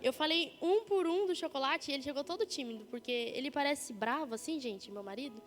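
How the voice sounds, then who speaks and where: A young woman, a church leader, giving a lively testimony sermon and acting out the conversations in it. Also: high voice, brisk, big-room sound, faint music behind. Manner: lively storytelling, acting out dialogue.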